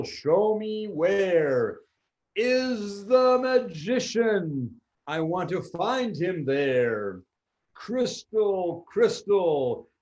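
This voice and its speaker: A man's voice: on the high side, a little mellow, exaggerated voice. A man voicing an earnest, easily frightened magic boy in a storybook tale, with pleading, repetitive phrasing. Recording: dull lo-fi recording.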